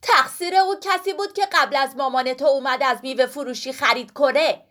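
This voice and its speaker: A woman's voice: sits high, a bit bright, pitched above the performer's own voice. A woman voicing a chatty, boastful talking pomegranate girl in a children's story, talking nonstop with lots of exclaiming. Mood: upset. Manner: talkative, exclaiming, whiny.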